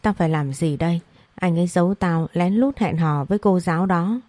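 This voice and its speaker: A woman's voice: on the low side, brisk, warm tone, no echo, lightly acted. A woman voicing a young wife in an audio story who is a panicked, sobbing best friend, flustered and tearful.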